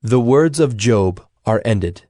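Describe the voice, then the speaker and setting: A man reads scripture from a script, narrating in a measured, formal storytelling style. His mid-range voice is animated and warm, and there's no room sound.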